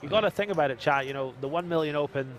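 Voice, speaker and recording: A man's voice: a little high, rapid-fire, a little hiss or hum. A man commentating a live poker stream, joking and reading viewer chat aloud.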